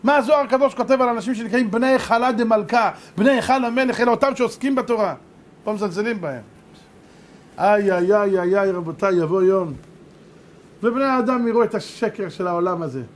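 A man, a rabbi, giving a religious lesson full of stories, animated and rhetorical, repeating points for emphasis. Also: sits high.

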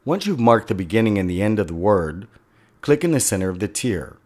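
A man narrating a step-by-step software tutorial as an instructor, a voice-over for a screen recording. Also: lowish voice, sing-song, brisk.

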